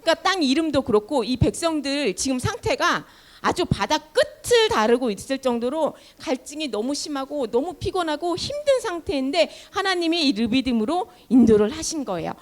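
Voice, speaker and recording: A young woman leading a children's sermon, telling a Bible story in animated fashion. Her voice is high and swoops up and down constantly. She keeps turning to the kids with questions. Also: normal speed. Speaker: children's ministry teacher.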